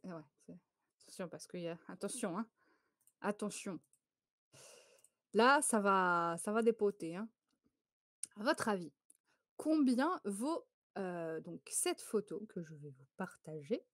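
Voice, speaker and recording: A woman's voice: medium pitch, no room sound, studio quality. A woman from France hosting a photo quiz on a live stream, chatty and laughing often as she greets viewers.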